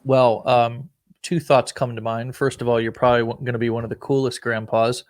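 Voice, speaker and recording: A man's voice: medium pitch, flat delivery, a little fast. A man hosting an interview on a call, upbeat and joking, calling his guest "man". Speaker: host.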